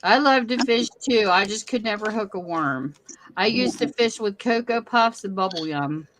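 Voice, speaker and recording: A middle-aged woman hosting a casual chat, telling animated family stories. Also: mid-range voice, moderate pace, slight background noise, poor audio. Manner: chatty, animated storytelling. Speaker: host.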